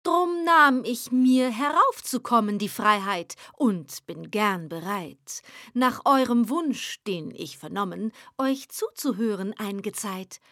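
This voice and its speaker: A sly, courteous devil, as a woman reading aloud puts him on, speaking slowly in a soft, low and purring tone. The voice stays hushed and coaxing, and the dry, close recording carries no room sound. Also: lively intonation, no echo, heavily acted. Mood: sly courtesy.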